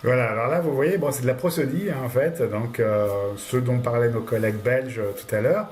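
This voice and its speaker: A man giving a relaxed lecture about a language course, talking loosely with frequent hesitations. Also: mid-range voice, a little fast, a little hiss or hum. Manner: hesitant, many fillers and restarts while explaining course material. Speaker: university lecturer. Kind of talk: casual lecture commentary.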